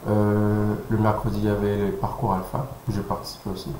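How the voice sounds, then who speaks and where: A man in his thirties from French Guiana, answering interview questions calmly, pausing often with fillers. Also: on the low side. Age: 30s. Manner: calm, halting, with many pauses and fillers. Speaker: interview guest. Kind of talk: casual interview. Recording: roomy sound with faint noise.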